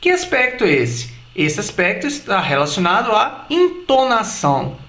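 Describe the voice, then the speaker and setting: A male teacher explains a grammar point step by step, with a high and very animated voice. He slows right down to say each example phrase carefully. The recording carries a noticeable room echo. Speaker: English teacher. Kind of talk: explanatory video lesson.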